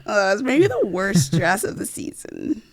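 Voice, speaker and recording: Soft-spoken woman with a gravelly edge. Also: medium pitch, very animated, a little slow, dry recording. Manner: soft-spoken, never raises her voice. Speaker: podcast co-host. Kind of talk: casual podcast chat.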